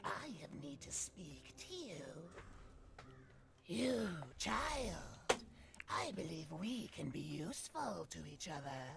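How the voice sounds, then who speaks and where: Sly old woman, game character, hushed whispery delivery, slow, gravelly creak, cryptic. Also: on the low side, big pitch swings, heavily acted. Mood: sly, secretive. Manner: hushed, breathy half-whispered, insinuating delivery. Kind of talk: theatrical video game character acting.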